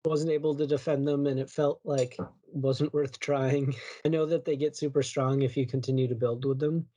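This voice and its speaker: A man co-hosts a casual podcast about video games. His voice sits at a middling pitch, and he rambles loosely, often stopping to restart a sentence. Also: flat delivery, normal speed, dark tone. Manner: rambling, self-correcting, loose. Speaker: podcast co-host.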